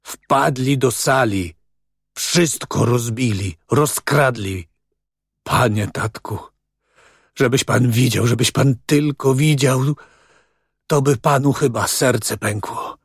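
A man reading as a tearful, whining man who pleads and laments a robbery in sobbing, monotonous words. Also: medium pitch, slow pace, husky, no room sound, clean studio sound. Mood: lamenting.

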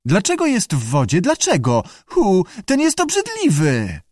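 A man voicing a curious, childlike talking salamander with a croaky voice that eagerly parrots human phrases. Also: high-pitched, wildly swooping pitch, unhurried, darkish tone, dry recording, studio quality, pitched above the performer's own voice, exaggerated voice.

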